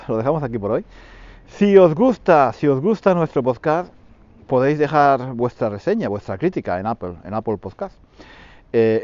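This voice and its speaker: A man hosting a podcast lesson for Spanish learners, repeating phrases slowly for his listeners. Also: mid-range voice, darkish tone, no echo, muffled recording. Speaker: podcast host teaching Spanish.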